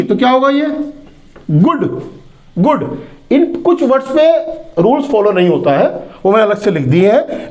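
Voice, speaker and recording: A man teaching English phonics, sounding out words slowly, repeating them and asking rhetorical questions. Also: very high-pitched. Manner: drawn-out sounding of words, repeating each word. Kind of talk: phonics lesson.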